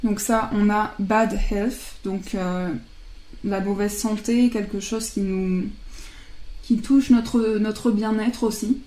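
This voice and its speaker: A woman casually presenting oracle card decks, chatting and laughing softly at herself as she translates card titles aloud. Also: medium pitch, steady tone, takes it slowly, roomy sound.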